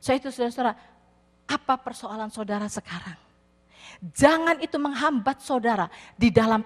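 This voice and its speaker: A woman pastor preaching a sermon, telling a story with animated acted-out voices. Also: medium pitch. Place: church hall. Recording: long hall reverb.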